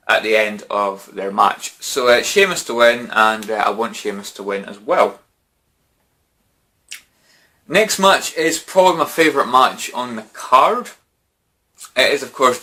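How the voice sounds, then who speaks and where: Rambling man with a bright voice. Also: on the low side. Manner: rambling, many fillers and restarts. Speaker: wrestling fan vlogger. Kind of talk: casual prediction chat.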